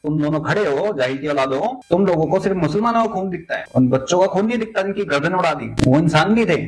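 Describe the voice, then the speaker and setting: A man's voice: a little high, lively intonation, fast talker, rough recording. A man giving angry reaction commentary, ranting and hurling insults at the people he addresses.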